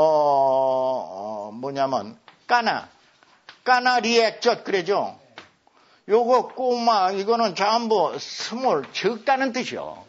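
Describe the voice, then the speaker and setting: An older man giving a lecture, repeating words for emphasis. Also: high voice. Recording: dull lo-fi recording.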